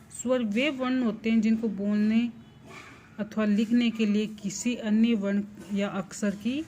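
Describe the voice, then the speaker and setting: A woman teaching a primary class, explaining slowly and deliberately, spelling out sounds one at a time and answering her own questions. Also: mid-range voice, dark tone, a little hiss or hum. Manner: slow and deliberate, asks the class questions and answers them herself. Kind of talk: slow explanatory lesson.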